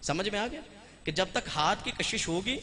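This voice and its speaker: A fervent Pakistani preacher with a high, bright, sharp man's voice, telling a story at a Muharram majlis. He climbs to shouted peaks and sinks to quiet asides, and his voice echoes far through a large hall. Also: animated, moderate pace. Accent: Pakistani Urdu. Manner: rises to shouted, fervent climaxes, then drops to quiet asides. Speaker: Shia preacher. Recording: long hall reverb.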